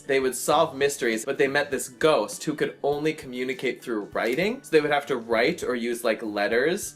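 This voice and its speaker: A man's voice: mid-range voice, fairly bright tone. An American man, around his thirties, chatting casually and reading old diary entries aloud in an amused, self-mocking, dramatic way. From United States. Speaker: vlogger.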